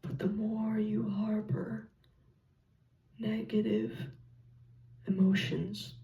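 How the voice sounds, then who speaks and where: Slow, dark whispered pep talk, slightly distant. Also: medium pitch, flat delivery, highs cut off. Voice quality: soft, breathy whisper. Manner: slow, gentle, pausing between short phrases. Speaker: ASMR content creator. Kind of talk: whispered ASMR pep talk, encouraging and reassuring.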